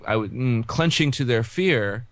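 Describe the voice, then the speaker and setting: A man's voice: medium pitch, animated, measured pace, a bit bright, no echo. A man from upstate New York with his accent, a guest who talks things through in a thoughtful way, using analogies. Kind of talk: casual conversation.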